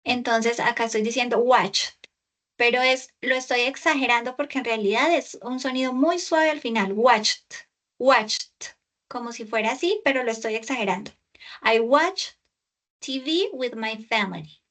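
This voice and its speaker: A woman tutoring English over a video call, explaining patiently and stretching out English words slowly. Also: on the high side, fairly bright tone. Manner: patient, slow and exaggerated English pronunciation, explaining in Spanish. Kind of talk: online tutoring session.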